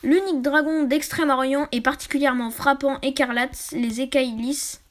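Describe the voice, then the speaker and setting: A woman reading a book aloud for her channel. She often trips over words, corrects herself, and drops into quick, quiet asides. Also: high voice, steady tone. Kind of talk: casual read-aloud with asides.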